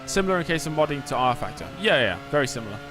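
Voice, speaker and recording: A man's voice: on the high side, big pitch swings, racing, music in the background. A man live-streaming a game, giving casual commentary, replying to chat and muttering to himself.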